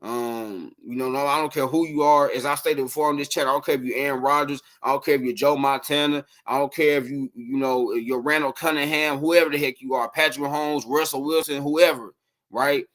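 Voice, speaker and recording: A man hosting a casual late-night sports podcast livestream, rambling and animated, talking to his viewers. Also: medium pitch, fairly quick.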